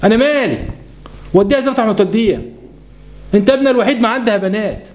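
A man voicing a resentful young wife with an Egyptian accent, sharp and dismissive. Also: sits high, very fast, lightly acted. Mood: cold, scornful. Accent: Egyptian Arabic. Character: resentful young wife refusing her mother-in-law.

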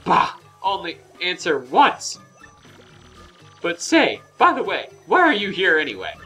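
A man voicing a cranky old female elder creature in a gruff, lecturing old-person voice. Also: high voice, huge pitch swings, unhurried, sharp tone, soft background music, full character voice. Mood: grumpy.

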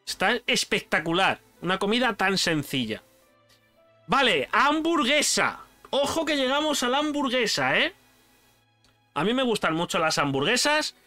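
A young Spanish man with a high voice and a Spanish accent chats at an unhurried pace over soft background music. He's ranking foods in a tier list for his channel, animated and full of slang, calling the viewer "tío".

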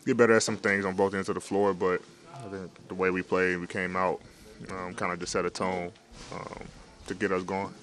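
Low steady voice, young guy after a game, relaxed answers into a bunch of reporter mics, lots of ums. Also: moderate pace. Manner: laid-back, many fillers and restarts. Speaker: basketball player at postgame interview. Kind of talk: postgame press interview. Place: locker room. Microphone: several handheld reporter mics.

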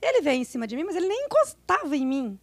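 A woman from Brazil tells frank, animated anecdotes as a podcast guest. Her voice sits high, with a gravelly, fry-edged texture. The studio sound is dry and close. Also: fast, no room sound. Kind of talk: casual podcast storytelling. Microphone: studio podcast mic.

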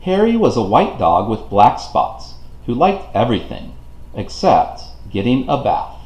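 A man narrates a picture book for small children. His delivery is highly animated, with deliberate phrasing and wide swings in a medium-pitched voice. The room adds a noticeable echo. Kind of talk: expressive read-aloud storybook narration. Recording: roomy, echoing home recording.

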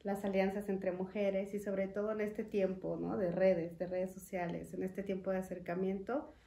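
A young foundation representative from Chiapas, Mexico, answers questions in a conversational interview, speaking earnestly and deliberately with many fillers. Her mid-range voice has vocal fry and a dark, level tone, picked up by a desk mic on a stand in an echoey wood-and-glass studio.

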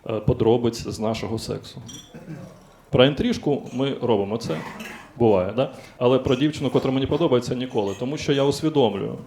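A man's voice: medium pitch, dark tone, slight background noise. A man performing a stand-up comedy set on stage, blunt and crude, acting out dialogue in his punchlines. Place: comedy stage in front of a live audience. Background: background music track.

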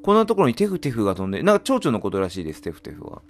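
A man gives casual game commentary in a rapid-fire, mid-range voice with huge pitch swings, reacting aloud to what's on screen and asking viewers questions about it. He's a gamer playing while he talks, with game music in the background.

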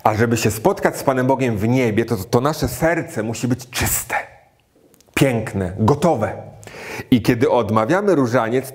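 A man's voice: medium pitch, darkish tone. A man in his thirties giving a children's sermon with storytelling, speaking simply and expressively to small children. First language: Polish. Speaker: children's religious retreat host. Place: small indoor room. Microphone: lapel mic.

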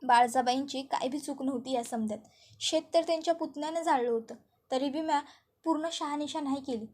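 Remorseful young village woman in a TV serial recap, read by a woman narrator; rural dialect, high voice. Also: brisk, darkish tone, close to an everyday voice.

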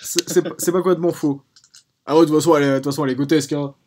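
A man's voice: on the high side, fairly even intonation, very fast, background noise. A man hosting a live stream, chatting casually and drifting into digressions. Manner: rambling, prone to digressions. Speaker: streamer host.

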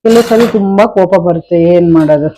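A young woman with a fairly low, mellow voice talks fast while cooking and doing housework in her home kitchen, addressing viewers casually for her vlog. The recording is rough, with slight background noise.

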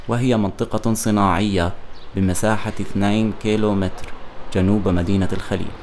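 A man reading a scripted documentary narration in formal standard Arabic, measured and even. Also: fairly low pitch, slight background noise.

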